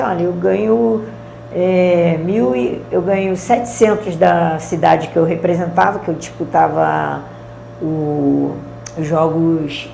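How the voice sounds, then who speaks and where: Brazilian woman telling lively anecdotes. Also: mid-range voice, vocal fry, roomy sound, a little hiss or hum. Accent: Brazilian Portuguese. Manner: lively anecdotes, acting out quoted dialogue, slangy. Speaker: karate champion interviewee. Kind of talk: storytelling in a casual interview.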